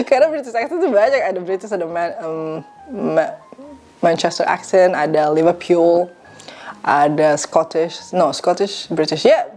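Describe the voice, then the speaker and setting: A woman's voice: lowish voice, measured pace, darkish tone, soft background music. A young woman from Indonesia answering viewer questions in a casual vlog, chatty and dropping in English phrases. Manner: chatty, mixes English phrases into her talk.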